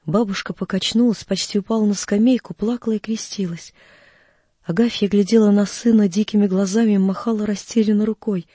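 Husky-voiced male audiobook narrator. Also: sits high, steady tone, brisk, dark tone, no room sound. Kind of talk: scripted literary narration.

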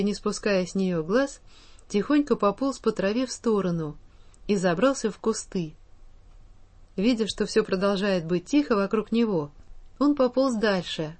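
A woman reads a children's storybook aloud as narrator. Her delivery is slow and measured, with a mid-range pitch and a calm, steady pace. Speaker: audiobook narrator.

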